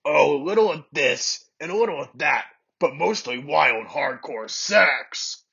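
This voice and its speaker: A man's voice: fairly high pitch, animated, a little slow, vocal fry, sharp tone, breathy edge, muffled recording, pitched above the performer's own voice, heavily acted. A man playing cocky Bakugo, smug and teasing. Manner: smug, mock-seductive.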